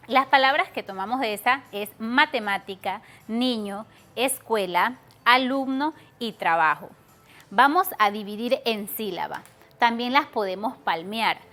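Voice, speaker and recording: A woman's voice: on the high side, bright, forceful tone. A woman teacher giving a televised class to schoolchildren, explaining patiently step by step and stretching out words.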